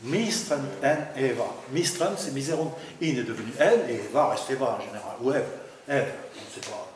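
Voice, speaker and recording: A man's voice: medium pitch, fast talker, distant mic. A man speaking as a scholar in a seminar, arguing eagerly with frequent restarts. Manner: animated, argumentative, stammers and restarts. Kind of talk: academic seminar discussion. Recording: echoey room picked up from afar, noisy.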